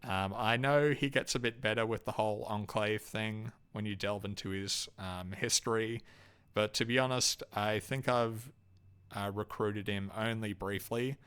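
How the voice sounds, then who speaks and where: A young Australian man rambles through his opinions in a loose, halting way, full of ums, uhs and restarts. His voice sits a little low and comes across smooth and clean. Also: a bit bright. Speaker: YouTube host ranking game companions. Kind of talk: casual unscripted commentary.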